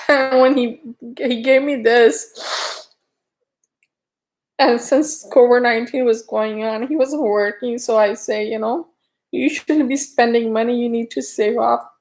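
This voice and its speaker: Middle-aged woman, livestream host, unhurried and halting, greets viewers one by one, slightly high voice. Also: fairly even intonation, rough recording. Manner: greets viewers by name, talks haltingly with restarts. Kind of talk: casual livestream chat.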